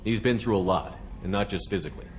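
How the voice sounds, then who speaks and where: Shepard, an actor as a steady low-voiced commander. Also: male voice, fast, slight background noise, lightly acted. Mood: calm, assured. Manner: direct, assured. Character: steady, assured male military commander. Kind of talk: video game acting.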